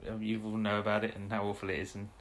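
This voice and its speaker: A man's voice: on the low side, monotone, rapid-fire, a bit bright. A man co-hosting a casual podcast, rambling through an episode recap with restarts and chuckles. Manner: rambling, self-interrupting, chuckling. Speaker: podcast co-host. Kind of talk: casual chat about an old TV episode.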